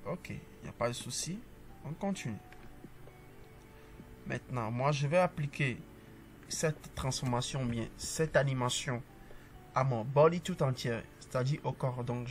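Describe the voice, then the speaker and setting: A man at a mid pitch talks viewers through a web animation setup at an easy, conversational pace, narrating each keystroke as he goes. His delivery is casual and upbeat, with little cheerful asides to the audience. Faint music plays underneath. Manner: relaxed, talks through each step as he types. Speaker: coding tutorial instructor. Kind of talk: casual screen-share coding tutorial.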